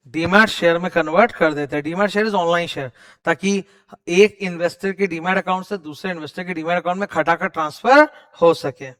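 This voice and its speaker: A young man runs an exam revision class on company law, his voice sitting a little high. He explains in a quick conversational way, then slows right down to dictate definitions word by word. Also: a bit bright. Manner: explains in Hindi, reads legal definitions slowly in English. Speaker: law teacher.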